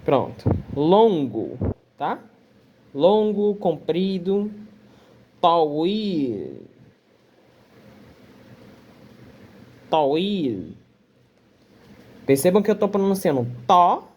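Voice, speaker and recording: A Portuguese-speaking woman leads an easygoing online Arabic lesson, patiently going over words again and checking in with students. Her medium-pitched voice is animated but slow, recorded with lo-fi sound and slight background noise.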